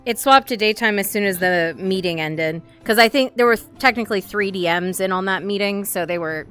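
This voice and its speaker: A woman streamer talks casually with her friends and her chat. Her voice is bright and forceful, and she is excitable and quick to poke fun at herself. Faint music plays in the background. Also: mid-range voice, clear, resonant tone. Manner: excitable, self-deprecating, laughs often. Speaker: streamer and roleplayer.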